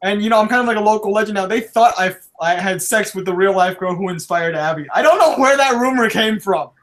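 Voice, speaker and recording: A young man with a notably high voice hosts a casual podcast. He rambles, gets excited and swears freely, often short of breath. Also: fast talker. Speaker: podcast host. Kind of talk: casual chat.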